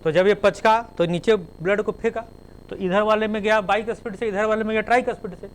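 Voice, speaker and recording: Male lecturer, slightly high voice, methodical classroom delivery, spells terms out, faint room noise. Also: steady tone, brisk, poor audio. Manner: spells terms letter by letter, explains with everyday examples. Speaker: teacher.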